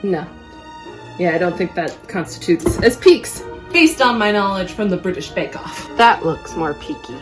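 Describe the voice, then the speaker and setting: High, swooping, playful woman baking vlogger. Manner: playful, theatrical, sing-song exaggerated delivery. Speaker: host of a baking show. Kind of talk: comedic baking vlog.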